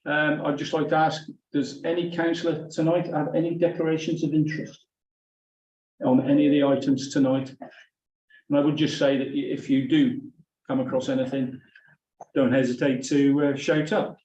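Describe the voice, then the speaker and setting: A man with a fairly high, slightly mellow voice chairs a formal council meeting, courteously working through procedure item by item at a moderate pace with a flat delivery. It was recorded in a meeting room, and the audio sounds roomy, distant, and dull.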